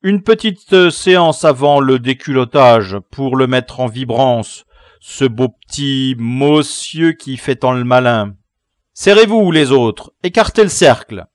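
A man voicing a rowdy village boy who leads his gang, loud, jeering and commanding. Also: medium pitch, animated, slow pace, no room sound, clean studio sound. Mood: bossy. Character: rowdy village boy leader, gleeful, bossy.

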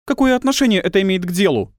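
A defiant woman in a spoken story pushes back against her interrogators, her voice pitched far up and shrill, as a male narrator puts her on. She sounds insistent and indignant. The recording is dry and close. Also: animated, very fast, dry recording.

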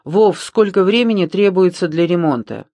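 A man's voice: on the high side, a little slow, no room sound, lightly acted. A man reading an audiobook, voicing a level-headed boy who speaks in a matter-of-fact, businesslike way.

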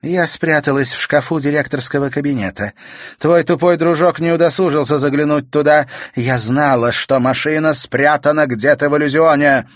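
A man's voice: fairly high pitch, steady tone, moderate pace, dry recording, clean studio sound, voice pushed up, close to an everyday voice. A man voicing a vengeful, ruthless countess who hisses cold threats in a storybook reading. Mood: triumphant. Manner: hissing, menacing threats.

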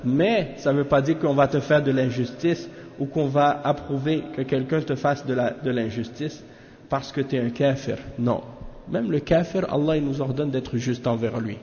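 A religious teacher explains a commentary in a lesson, speaking casually and familiarly and frequently checking in with listeners through "hein?" asides. His voice is medium-pitched, darkish and moderately paced. The room echoes and the sound is dull and lo-fi.

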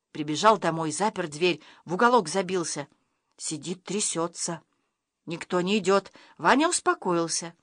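A woman narrating a children's audiobook in a lively, dramatic storytelling manner. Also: fairly low pitch, no echo, studio quality. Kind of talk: expressive children's story reading.

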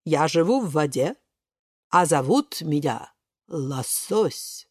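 A woman voicing a calm grown-up male salmon who speaks low, slowly and evenly. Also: breathy edge, no room sound, studio quality, full character voice. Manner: low, slow and measured.

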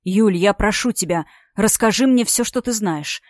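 A woman voicing a calm, steady young man who speaks in a measured, consoling, slightly husky way in an audiobook story. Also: mid-range voice, dry recording, studio quality, close to an everyday voice. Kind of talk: audiobook character voice.

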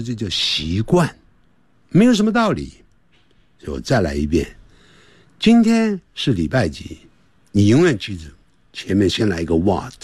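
A man giving a radio English lesson, repeating short phrases over and over and slowing right down to model the sounds. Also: lowish voice, darkish tone, husky, no room sound, studio quality. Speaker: English teacher.

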